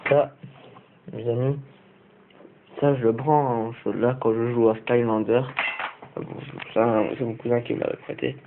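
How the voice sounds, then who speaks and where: A young Belgian man rambles through a casual vlog in a Belgian French accent, stopping often for fillers and restarts. The sound is thin and boxy, like a phone line, and a steady hiss runs under it. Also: mid-range voice, a little slow, long pauses. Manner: rambling, hesitant, many fillers. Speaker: vlogger. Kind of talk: casual room-tour vlog. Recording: tinny lo-fi phone-like audio with hiss.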